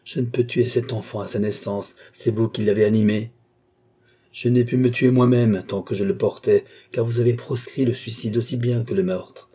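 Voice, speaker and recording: A man's voice: mid-range voice, steady tone, normal speed, mellow, breathy edge, lightly acted. A man voicing a desperate young woman who pleads and cries out in anguish, in an audiobook reading. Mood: desperate pleading. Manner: anguished, pleading, rising to outcries. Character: desperate young woman cursing her fate.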